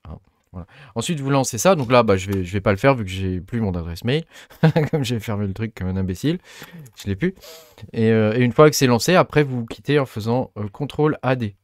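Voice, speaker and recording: A man's voice: mid-range voice, fairly quick, no echo, studio quality. A man casually walking through a tech tutorial, hesitant, with many fillers and restarts and self-mocking asides. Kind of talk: casual screen-recorded tutorial.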